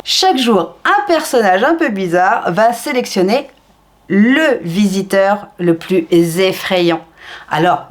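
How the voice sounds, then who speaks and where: A woman vlogger chatting enthusiastically, with fillers and frequent swings in pitch. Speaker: theme park vlogger. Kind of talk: casual vlog narration.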